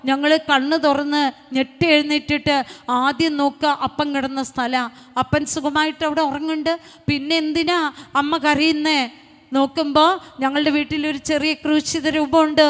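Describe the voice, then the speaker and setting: A woman preacher giving a fervent sermon and testimony, speaking in short repeated phrases that build to loud exhortation. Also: high-pitched, flat delivery, moderate pace. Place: retreat centre hall. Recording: long hall reverb.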